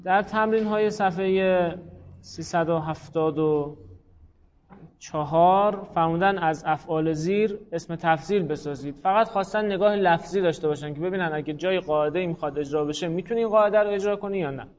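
A man's voice: high voice, lo-fi sound. A man teaching a class, explaining grammar patiently and calling on students by name. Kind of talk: classroom lecture.

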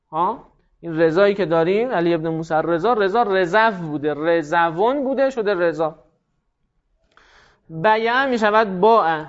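A man's voice: sits high, dull audio. A man teaching a class, explaining rules step by step and asking and answering his own questions. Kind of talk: classroom lecture.

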